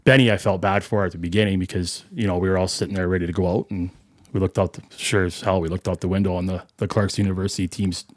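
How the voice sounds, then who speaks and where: Man, deep voice, dry close sound, reflective, halting, podcast guest. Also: fairly even intonation, dry recording. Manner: reflective, halting, many fillers and restarts. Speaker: podcast guest, firefighter and junior hockey coach. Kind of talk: casual interview talk.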